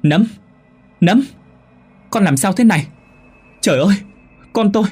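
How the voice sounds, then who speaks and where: A man voicing a distraught young mother in a spoken ghost story, raising his voice high and crying out. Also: expressive, moderate pace, darkish tone, soft background music. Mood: panicked. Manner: wailing, frantic.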